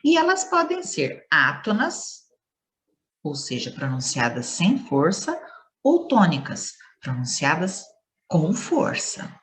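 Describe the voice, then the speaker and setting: A woman teaches schoolchildren in a low, measured voice. She talks slowly and playfully, drawing out words and hitting the stressed syllable of each example. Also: huge pitch swings. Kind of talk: scripted lesson to schoolchildren.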